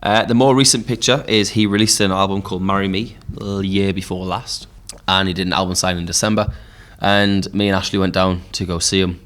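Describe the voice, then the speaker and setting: Give me a deep Geordie man, casual and rambling, talking music in a pub. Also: a little fast, hardly any pauses. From Newcastle, England. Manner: relaxed storytelling with frequent fillers. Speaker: podcast host and musician.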